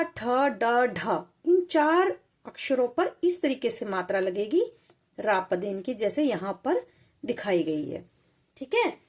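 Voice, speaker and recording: A woman gives a children's lesson at an unhurried, deliberate pace. Her voice sits fairly high, and she patiently sounds words out piece by piece, checking in often. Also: darkish tone. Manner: patient, repeats and spells out sounds slowly. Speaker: teacher.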